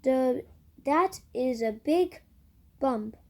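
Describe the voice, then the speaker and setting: Posh nervy young doctor guy done by a woman reading, stammers, says sorry a lot, pitched up. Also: lively intonation, very slow, exaggerated voice. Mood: flustered. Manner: flustered, apologetic, stammering.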